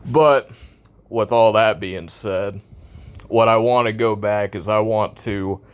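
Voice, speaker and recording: Deep-voiced American man ranting casually. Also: fairly even intonation, slow pace, clean tone. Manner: blunt, cynical, sarcastic complaining. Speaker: video game commentator. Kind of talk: casual opinion rant about a video game.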